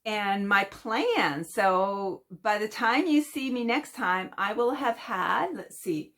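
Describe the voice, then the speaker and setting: A middle-aged Canadian woman who vlogs about cross-stitch chats casually, meandering with many fillers and restarts. She speaks slowly and expressively at a medium pitch with a slightly bright tone.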